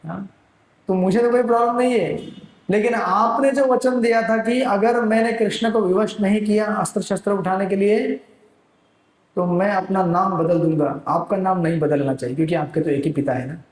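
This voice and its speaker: A man's voice: high voice, fairly even intonation, normal speed, natural voice. A man voicing the god Krishna speaking tenderly and reassuringly to a devotee, recorded in an echoey hall. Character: the god Krishna, affectionate and playful.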